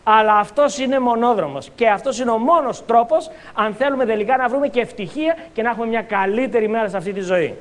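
A high-voiced Greek man speaks at a motivational seminar in a lively coaching style. He jokes with the crowd and acts out short scenes. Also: few pauses. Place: conference hall.

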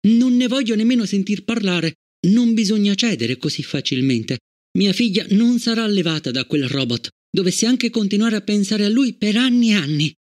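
Un uomo che fa una madre severa e fiera. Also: male voice, high voice, expressive, moderate pace, voice pushed up. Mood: cold firm. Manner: firm and cold. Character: stern, proud middle-aged mother.

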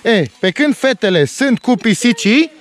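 A man's voice: very high-pitched, expressive. A man from Romania filming a casual family vlog outdoors in the mountains, teasing his kids and showing them how to do things in a fatherly way. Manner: playful, teasing, fatherly instructing.

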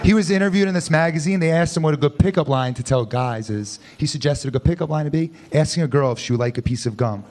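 A man in his thirties doing a dry, deadpan stand-up set on a club stage, speaking into a handheld mic. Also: fairly high pitch, fast talker, hardly any pauses. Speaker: stand-up comedian. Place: comedy club stage before a live audience. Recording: loud club crowd and noise. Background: loud audience laughter.

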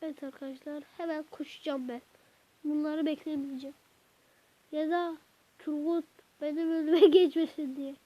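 A woman hosting a gaming channel, chatting to her viewers while she plays, with sudden excited outbursts at the game. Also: high voice, normal speed, long pauses. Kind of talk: let's-play gameplay commentary. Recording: dull lo-fi recording.

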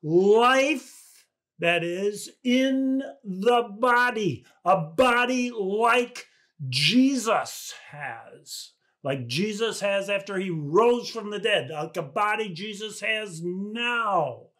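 Enthusiastic male pastor in his 50s, preaching slowly in a high voice from a home-office webcam. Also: expressive, fairly bright tone. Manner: enthusiastic, with big hand gestures. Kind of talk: sermon to camera. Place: small home study, indoors.

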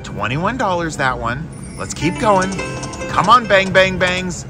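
A man giving casual, excited gambling commentary as a slot video host, coaxing the machine aloud and repeating short phrases. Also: sits high, measured pace. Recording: loud machine music behind. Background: loud slot machine music.

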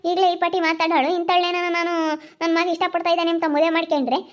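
Brief: sharp-tongued village mother, played by a woman, very high pitch, rapid rural Chitradurga Kannada, muffled recording. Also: little pitch movement. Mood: scolding. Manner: scolding, rapid and shrill.

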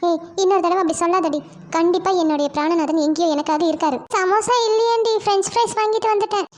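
A very high, quick young cartoon heroine, voiced by a woman, a dreamy and earnest college girl. She chats brightly with friends and turns indignant with her sister. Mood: chatty. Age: young adult. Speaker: lead character. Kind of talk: cartoon voice acting.

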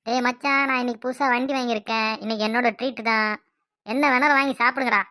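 A woman's voice: fairly high pitch, fairly even intonation, fast, sharp tone. A woman voicing a boastful young man who shows off his new bike in a cartoon, swaggering and showy.

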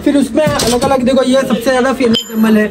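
A man, giving a rapid, repetitive sales pitch while showing gear in a cluttered indoor shop, filmed close up. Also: fairly even intonation, a crowd in the background, background noise. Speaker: gym equipment seller.

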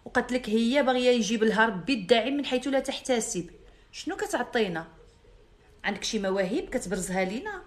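A young woman with a Moroccan Arabic accent who talks fast and sits a little high in her range. She hosts a live stream, and her delivery is brash, mocking and full of bragging. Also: lively intonation. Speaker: live-stream host selling products.

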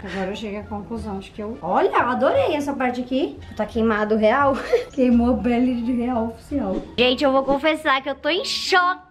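A woman's voice: a little high, animated, normal speed. A young woman talking to her viewers in a casual vlog, gushing and chatty. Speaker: vlogger.

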